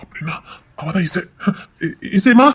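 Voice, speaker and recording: A woman's voice: on the low side, animated, measured pace, breathy edge, exaggerated voice. A woman voicing an anxious older man of the family in an audio drama, urgent and flustered as he barks orders. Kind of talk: Tamil serial-style audio drama.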